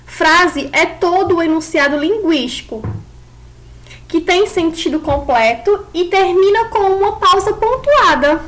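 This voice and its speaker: A woman with a very high voice teaches an online class. She explains each point step by step and keeps asking her pupils questions as she goes. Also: animated, measured pace, fairly bright tone.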